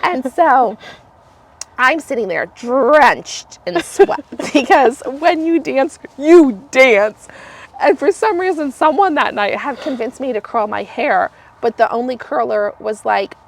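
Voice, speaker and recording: A woman in her thirties with a sick, raspy voice, coughing now and then as she tells a story in casual chat, laughing a lot. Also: high voice, expressive, a little slow. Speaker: podcast guest.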